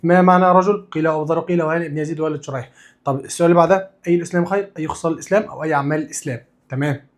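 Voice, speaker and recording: Man, Egyptian accent, religious studies lesson, repeats question and answer drills, very quick. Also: a little high, steady tone. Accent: Egyptian Arabic. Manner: casual, playful asides. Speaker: teacher.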